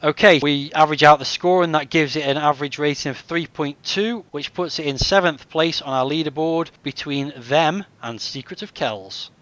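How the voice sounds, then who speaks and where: A man's voice: fairly high pitch, normal speed, hardly any pauses, a bit bright, dry recording, highs cut off. A man hosting a casual film club podcast, asking his guests questions and leading the talk. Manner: chatty, leads the talk with questions. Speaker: podcast host.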